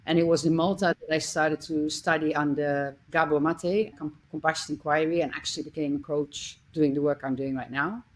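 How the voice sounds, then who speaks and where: A woman's voice: deep voice, fairly even intonation, normal speed, few pauses, low-quality recording. A middle-aged woman from the Netherlands, a coach speaking as a podcast guest and telling her story in an earnest, conversational way. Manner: earnest, listing experiences with small restarts.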